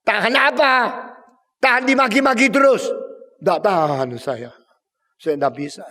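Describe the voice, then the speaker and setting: A man's voice: fairly high pitch, measured pace, a little mellow, husky. A man voicing a scornful, scheming queen in a sermon. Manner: scornful, goading. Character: vengeful scheming queen, a grown woman.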